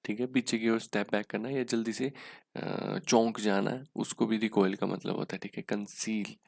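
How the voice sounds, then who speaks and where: Explaining each answer in Hindi with English terms sprinkled in, an Indian-accented man leads an exam-prep English lesson, often saying "ठीक है" (theek hai). His low, darkish voice has little pitch movement, vocal fry, and normal speed, with no room sound.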